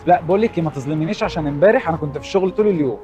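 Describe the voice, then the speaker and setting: A man's voice: fairly high pitch, very fast, dark tone, lo-fi sound, soft background music, close to an everyday voice. A man playing a sleazy, flirty Egyptian husband. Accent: Egyptian Arabic. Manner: smooth-talking, evasive and flirty. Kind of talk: TV comedy series acting.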